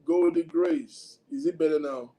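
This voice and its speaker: With a dark tone, a slightly high pitch, fairly even intonation, and a measured pace, a man with a Nigerian accent hosts an informal livestream. He self-describes as having a big voice and talks chattily and ramblingly to viewers, switching codes as he goes.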